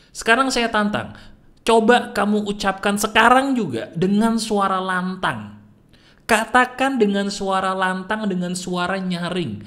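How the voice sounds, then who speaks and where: A man giving a motivational talk, teasing and questioning the listener constantly. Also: sits high. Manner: animated, keeps firing questions at the listener. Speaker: motivational speaker.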